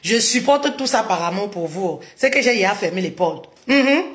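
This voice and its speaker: A woman's voice: mid-range voice, animated, normal speed. A woman hosting a casual live stream, chatty and repeating her greetings again and again.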